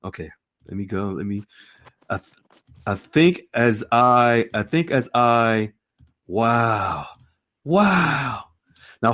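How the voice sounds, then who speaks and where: A man hosting an online group call, animated and exclaiming often. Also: mid-range voice. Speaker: host.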